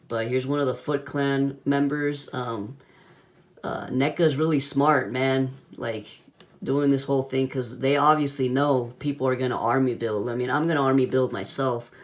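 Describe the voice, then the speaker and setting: A man giving a casual hands-on toy review in laid-back, slangy talk, with a whistle on his s sounds. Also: medium pitch.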